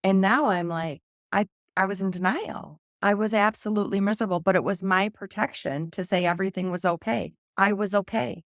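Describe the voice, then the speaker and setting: A woman's voice: medium pitch, fairly quick, dry recording, clean studio sound. A woman sober coach, a podcast guest, sharing her own story in an earnest, open way. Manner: earnest and open, speaking in long flowing runs. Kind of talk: candid personal storytelling in a podcast conversation.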